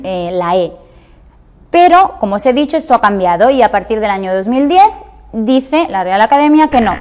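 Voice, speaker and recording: A woman gives a patient grammar lesson in a slightly high voice. She reads each example sentence slowly and stops for fillers and restarts. The recording sounds dull and lo-fi. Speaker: teacher.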